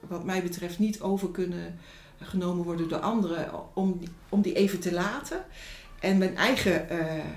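A woman's voice: fairly low pitch, moderate pace, darkish tone. A middle-aged woman, a school director, speaking in an interview in a reflective, hesitant way with many fillers. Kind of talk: interview and reading aloud. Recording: echoey room, faint music.

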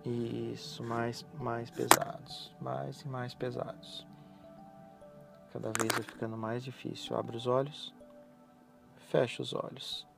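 A soft-spoken man leads a guided relaxation hypnosis, giving slow, soothing, repetitive instructions with pauses. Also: medium pitch, level tone, creaky. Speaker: hypnotherapist guiding a relaxation session. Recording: voice over background music. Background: relaxation music.

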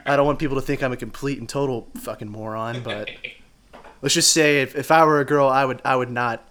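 A man's voice: mid-range voice, fairly even intonation, a little fast, a bit bright, slight background noise. A man chatting casually as a podcast guest, crude, joking and self-deprecating. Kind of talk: casual chat.

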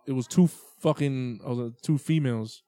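A man's voice: mid-range voice, normal speed, mellow. A man co-hosting a casual podcast, joking crudely and slipping into silly put-on voices. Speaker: podcast co-host.

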